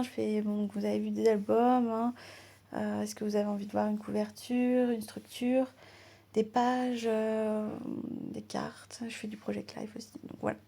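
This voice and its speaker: A woman hosting her own crafting channel chats casually in voice-over while she works, often drifting into a soft half-whisper. Her voice is medium-pitched and creaky.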